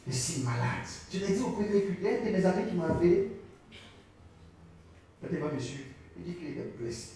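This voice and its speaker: High, lively male preacher in echo. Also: brisk, slight background noise. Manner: emphatic, repeats phrases, questions the congregation. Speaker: pastor. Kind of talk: sermon. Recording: very echoey church hall with soft music.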